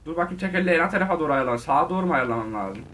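Excitable young-sounding man commenting on a game. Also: a little high, very fast, distant mic, slight background noise. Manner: excitable, talks to viewers, shouts at the game. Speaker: gaming video host. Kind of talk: casual gameplay commentary.

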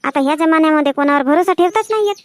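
A woman playing a sharp-tongued village woman who quarrels and talks back fast in a comedy sketch. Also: high-pitched, no room sound, natural voice. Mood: quarrelling. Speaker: sketch actress.

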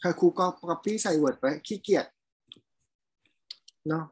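A woman's voice: deep voice, slow pace, slight background noise. A woman teacher giving a live programming lesson, chatting and thinking aloud as she demonstrates code and checks that her student is keeping up. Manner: speaks to a student by name, checks understanding.

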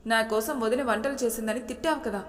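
A woman's voice: on the high side, steady tone, brisk, lightly acted. A woman voicing a curt, reproachful young man in a storybook reading with a long hall reverb.

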